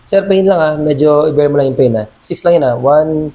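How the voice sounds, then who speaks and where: A man working as a massage therapist, talking a client through a treatment in a calm, reassuring way and calling him sir at every turn. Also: a little high, moderate pace, low-quality recording. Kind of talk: casual instruction during a hands-on treatment.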